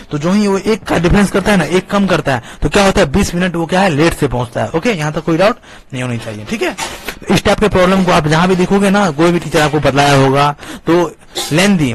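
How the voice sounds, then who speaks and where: Man, math tutor, rapid delivery, fairly high voice, emphatic, keeps checking understanding. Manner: emphatic, keeps asking "clear?" and "okay?". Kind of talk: exam-prep lesson.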